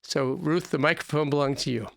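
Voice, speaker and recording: A man's voice: fairly high pitch, brisk, vocal fry, no echo. A man in his sixties hosting a podcast from a small studio, talking earnestly and repeating himself with many restarts. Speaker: podcast host. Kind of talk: podcast interview. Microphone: studio mic with headphones.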